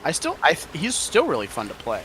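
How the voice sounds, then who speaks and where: This is casual gaming banter from a young man to a teammate, delivered briskly in a fairly high voice. There's background noise along with game music beneath him, and he stays relaxed, leaning on lots of filler words.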